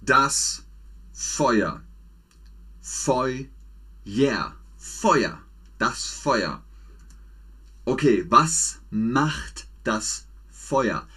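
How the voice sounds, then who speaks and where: Male German teacher for a live chat: husky, slow, sing-song drilling. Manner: slow, repetitive, exaggerated drills with lively pitch swings. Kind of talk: slow, playful language lesson for learners.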